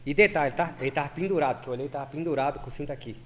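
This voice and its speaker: A man's voice: a little high, racing. A man who is a lay preacher, a guest on a podcast, telling a personal story in casual, earnest talk full of restarts and repeated words.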